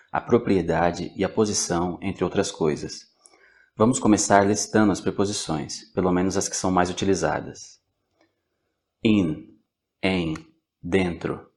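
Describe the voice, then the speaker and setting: Man with a really low voice doing a language lesson, slow and super clear. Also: darkish tone. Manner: slow, clear, measured delivery. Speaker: English teacher.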